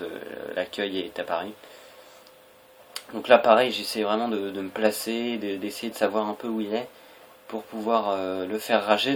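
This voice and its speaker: A young adult Frenchman gives casual, hesitant and rambling gameplay commentary on a noisy home recording. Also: lowish voice. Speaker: gaming video creator.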